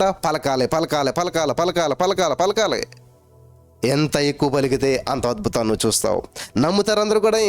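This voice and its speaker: Preacher guy, fired up, keeps repeating lines and hallelujahs, soft music under him. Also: on the high side. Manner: fervent preaching with repeated hallelujahs and chanted phrases; mixes in English phrases, drawn out slowly. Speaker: pastor. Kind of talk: sermon.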